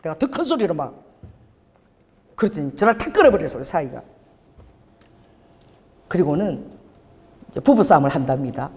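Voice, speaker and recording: A woman's voice: sits low, sing-song, moderate pace, long pauses, a little mellow, in a large hall. A middle-aged woman pastor preaching a sermon with call-and-response and laughing asides. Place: church sanctuary.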